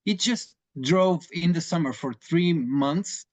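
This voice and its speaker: Taking his time, a man in his forties from Portugal, whose first language is Portuguese, speaks accented English as a lawyer advising clients in a webinar. His voice sits on the higher side, and he sounds hesitant, with frequent fillers and restarts.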